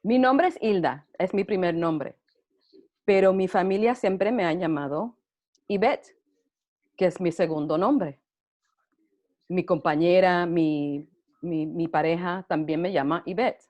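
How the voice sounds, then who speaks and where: A middle-aged woman from Puerto Rico, an interviewee, tells casual stories about her life in a Puerto Rican Spanish accent, laughing often. Her voice is fairly low and darkish, and she speaks unhurriedly with long pauses. The audio is dull and lo-fi.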